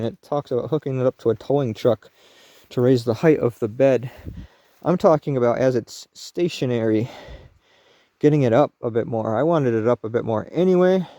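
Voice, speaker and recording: A man's voice: medium pitch, mellow. Rambling man vlogging outdoors at night. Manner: rambling, restarts and corrects himself. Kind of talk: casual rambling vlog. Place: outdoors at night near a camper on a hill.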